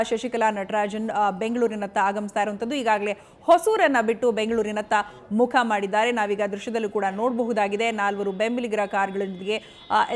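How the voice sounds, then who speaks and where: A woman's voice: mid-range voice, slight background noise. A woman news anchor with a Kannada accent giving live breaking-news commentary, repeating updates urgently with frequent fillers.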